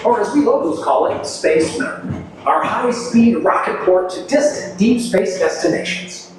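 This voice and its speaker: A man voicing a cheerful, chatty robot tour guide, heard over ride loudspeakers. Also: sits high, animated, a little slow, slight background noise. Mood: chipper. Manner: upbeat, chatty, playful. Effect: played over ride loudspeakers. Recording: echoey, distant loudspeaker on a moving ride. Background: music playing.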